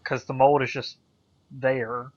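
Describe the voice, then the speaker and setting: A man's voice: mid-range voice, little pitch movement, slow. A man chatting casually as a player in a tabletop role-playing game. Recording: dull, muffled sound.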